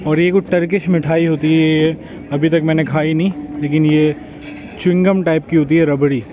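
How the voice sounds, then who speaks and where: A young man with a slightly high voice moves at a moderate pace through an outdoor waterfront buffet, filming a casual vlog on a phone held at arm's length. He keeps it relaxed and chatty, pointing out dishes as he goes. The lo-fi recording is dull, and the background is noisy with crowd chatter.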